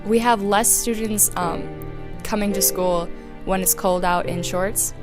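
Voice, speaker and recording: A woman's voice: medium pitch, fairly even intonation, unhurried. A young woman, a student interviewee, explaining casually with fillers. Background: music.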